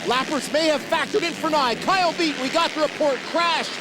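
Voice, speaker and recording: A man's voice: very high voice, moderate pace. A man giving live analysis and commentary on a motocross race. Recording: loud engine noise behind voice. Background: motorcycle engines.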